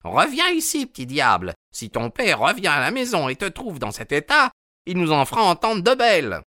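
A man voicing a loud, worried working-class boatman's wife in an audiobook, chattering and fretful. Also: fairly high pitch, wildly swooping pitch, normal speed, no room sound, studio quality, voice pushed up, full character voice. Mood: scolding. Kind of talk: audiobook character voice.

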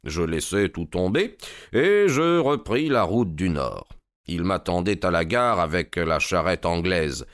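A man narrating a classic detective story in a measured, deliberate storytelling manner, close on a studio mic. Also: sits low, sing-song, dry recording. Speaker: audiobook narrator. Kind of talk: scripted literary narration.

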